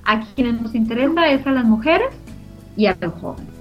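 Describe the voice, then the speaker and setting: Her fairly high voice is animated and moves at normal speed. She's a middle-aged woman with a Costa Rican Spanish accent, a community radio co-founder being interviewed, and she answers in an earnest, emphatic way, echoing phrases for emphasis over muffled lo-fi audio with music behind it.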